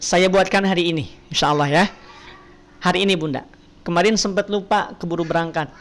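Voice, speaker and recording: A woman's voice: on the low side, brisk. A woman teaching Quran recitation in an online class, patiently asking her students questions and modelling pronunciation.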